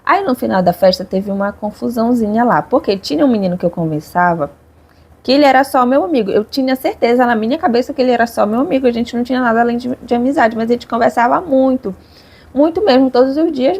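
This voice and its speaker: A young woman, speaking in a fairly high voice. She chats casually and expressively with her viewers, vlog-style, her voice climbing sharply when the story gets emotional. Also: quick pace, husky. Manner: chatty, expressive, swings up high at emotional moments. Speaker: vlogger.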